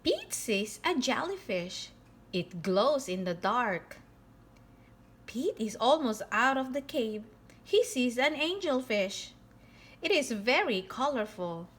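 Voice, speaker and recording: A woman reading a picture book aloud to young children in an expressive style, with theatrical emphasis on key words. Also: a little high, takes it slowly, breathy edge. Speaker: children's storybook reader.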